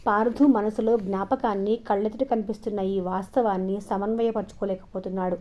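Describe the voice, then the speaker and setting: A woman storyteller narrating a novel as an audiobook in a steady, expressive reading. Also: mid-range voice, brisk.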